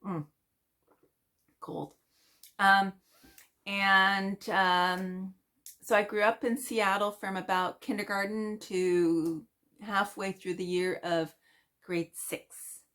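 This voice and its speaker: A woman's voice: medium pitch, level tone, takes it slowly, long pauses, pushed and bright. Chatty Canadian woman rambling on camera. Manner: chatty, meandering, many fillers and restarts. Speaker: cross-stitch vlogger. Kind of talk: casual rambling chat.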